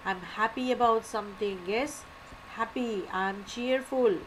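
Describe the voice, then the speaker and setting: A woman lectures online, slightly high-pitched and animated. She keeps asking questions and answering them herself, repeating words for stress. A faint hiss sits under her voice. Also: a little slow, rough recording. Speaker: teacher.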